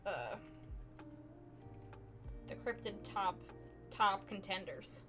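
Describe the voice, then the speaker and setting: A woman's voice: medium pitch, animated, slow, music in the background. Rambling woman chatting on a stream. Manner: rambling and self-deprecating, with frequent "like" fillers. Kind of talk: casual chat while drawing on a live stream. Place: at home on a couch.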